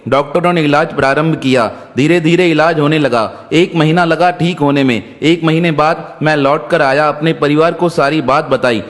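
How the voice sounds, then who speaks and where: A man tells devotional miracle stories in a solemn, steady scripted narration. His voice sits a little high for a man. A long reverb trails behind every line. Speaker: devotional storyteller.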